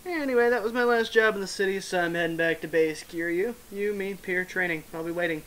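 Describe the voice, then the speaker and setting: A woman's voice: lowish voice, brisk, slight background noise, natural voice, low-quality recording. A woman voicing a tough, no-nonsense female fight trainer in a video game, talking blunt and bossy. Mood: inviting.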